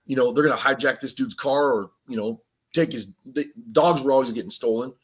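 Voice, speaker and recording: A man's voice: mid-range voice, a little fast, fairly bright tone, slightly rough. A man co-hosting a live survival podcast, telling stories in a rambling, slangy way and laughing as he goes. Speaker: podcast co-host. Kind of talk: casual live-stream chat.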